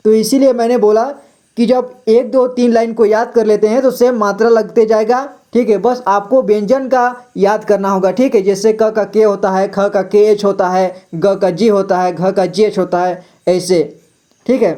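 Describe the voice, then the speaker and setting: A man's voice: sits high, flat delivery, warm tone. A man teaching Hindi reading, patiently spelling out syllables and checking in after nearly every phrase. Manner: slow, patient drilling of syllables, repeats "theek hai" constantly. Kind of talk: classroom-style explanation of letters and spellings.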